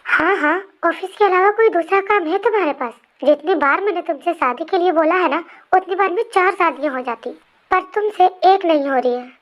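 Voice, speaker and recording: A woman's voice: very high-pitched, a little fast, muffled recording. A woman voicing an overworked sister-in-law who complains and scolds the family, in a fan storybook reading. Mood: scolding. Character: nagging sister-in-law, busy homemaker.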